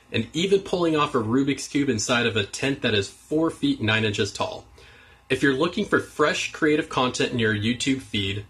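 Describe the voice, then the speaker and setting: A man's voice: medium pitch, a bit bright. A man hosting a drone lesson series, reading a scripted introduction of the week's mentor. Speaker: show host.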